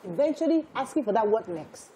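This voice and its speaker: Mellow-voiced talk show host. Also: female voice, a little high, big pitch swings, fairly quick, slight background noise. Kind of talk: casual chat.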